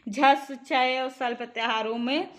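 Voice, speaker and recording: A woman's voice: high-pitched, fairly even intonation, unhurried, fairly bright tone. A woman teaching a grammar lesson for exam prep, asking the viewer questions and repeating each point.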